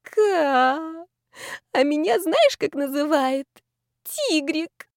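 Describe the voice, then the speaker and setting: A woman's voice: sits high, lively intonation, drawn-out words, no room sound, clean studio sound, pitched above the performer's own voice, full character voice. A woman doing a tipsy, weepy lovesick young woman. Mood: dreamy. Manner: wailing, melodramatic sobbing delivery.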